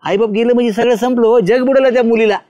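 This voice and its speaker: A gossipy village man with a rural Maharashtrian Marathi accent and a high voice. He talks in a complaining, chatty way. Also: fairly even intonation, fast, dark tone, dry recording, dull audio. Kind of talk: village family drama acting.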